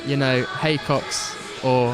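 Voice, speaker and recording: A man's voice: medium pitch, steady tone, moderate pace, music in the background. Young man calling live squash. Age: young adult. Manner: upbeat co-commentary, calls the score. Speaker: student squash commentator. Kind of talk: live sports commentary.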